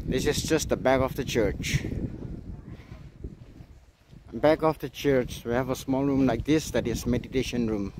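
A man with a mid-range voice narrates a casual walking tour, chatty and eager to point things out. He speaks into a handheld phone as he moves. Steady background noise sits under his voice. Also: medium pitch, a little slow, pauses often. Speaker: vlogger giving a walking tour. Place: outdoors on a hillside village and indoors.

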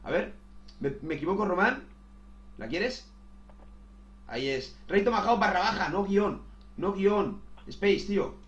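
Man, gameplay commentary, raised voice, excitable, echoey room. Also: high voice, unhurried, pauses often, highs cut off. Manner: excitable, swears, says "tío" constantly. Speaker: gaming youtuber.

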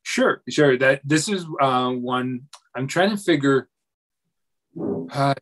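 A man, a dreamwork coach, telling a long personal story in a relaxed interview, with many pauses, restarts and fillers. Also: medium pitch. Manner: hesitant, many restarts and fillers, self-deprecating.

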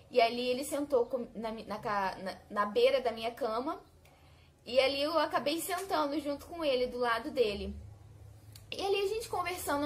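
Young Brazilian woman, higher voice, heartfelt personal testimony with faint background hiss. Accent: Brazilian Portuguese. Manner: heartfelt, conversational, often addresses listeners directly. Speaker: channel host sharing a testimony. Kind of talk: personal faith testimony told to viewers.

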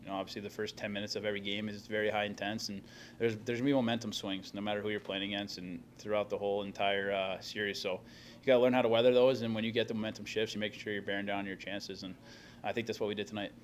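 Seated at a table mic after the game, a young adult hockey player answers the press plainly and quickly. His voice is on the low side with little pitch movement, he stumbles through fillers and restarts, and there's a faint hiss or hum.

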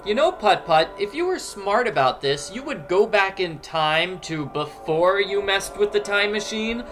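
A man's voice: sits high, lively intonation, measured pace, fairly bright tone. A man giving casual, playful, rambling commentary as he plays a game. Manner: playful, rambling, mock-dramatic asides. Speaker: gamer, let's play commentator. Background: game music.

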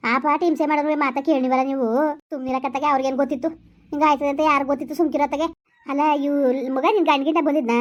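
A woman's voice: sits high, flat delivery, rapid-fire, close to an everyday voice. A woman playing a grieving village woman who laments and scolds while consoling her family in a rural family drama.

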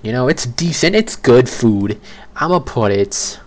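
A man's voice: medium pitch, lively intonation, unhurried. A young man rambling casually through a solo ranking video, often correcting himself mid-sentence. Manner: rambling, self-correcting, chatty. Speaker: creator ranking fast food.

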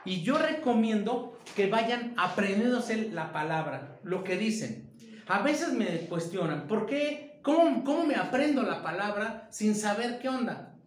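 A high-voiced man gives an informal acting lesson as a theater director. He talks emphatically and keeps throwing out rhetorical questions. His voice rings a little in an echoey room. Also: expressive, a little slow.

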